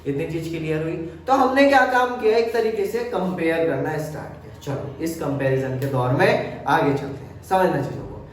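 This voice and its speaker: A man's voice: a little high, expressive, moderate pace, hardly any pauses, a little mellow, a little hiss or hum. Echoey male teacher, far from the mic. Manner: asks questions then answers them himself. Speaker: chemistry teacher. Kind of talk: classroom lesson.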